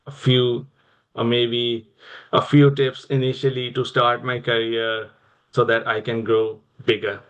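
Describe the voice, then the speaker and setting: A young man with a Pakistani accent, appearing as an interview guest, recounts his career story conversationally. His voice is mid-range and a bit bright.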